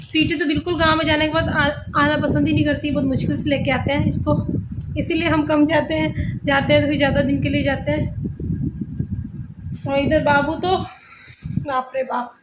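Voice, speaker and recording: Mother-vlogger, woman, high bright voice, chatty and homely, recorded at home. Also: little pitch movement, a little fast, heavy background noise. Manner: chatty, scolds children gently. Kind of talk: casual home vlog chat. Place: home indoors.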